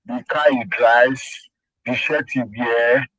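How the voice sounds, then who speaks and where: The caller, a Nigerian man, speaks slowly in a medium-pitched, fairly bright voice with fairly even intonation. His heated commentary comes through a phone on speaker, muffled, as he hammers home points, repeats himself, and restarts sentences.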